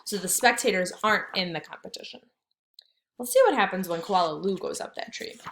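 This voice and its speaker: In a mid-range voice that runs a little fast, a teacher reads aloud to kindergarteners. She wonders out loud and asks them simple questions, speaking expressively in a child-directed style.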